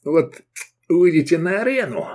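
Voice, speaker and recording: A sly, drawling slave dealer who squints and haggles over every coin, as a male reader puts him on. The voice sits noticeably above the narrator's own and rolls up and down with animated intonation. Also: on the high side, normal speed, pitched above the performer's own voice. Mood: gruff.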